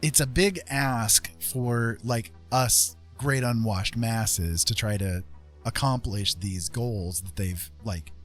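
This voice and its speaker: This livestream host talks slowly in a voice on the low side, music running in the background. His casual explanations ramble, and he drives points home by saying phrases again.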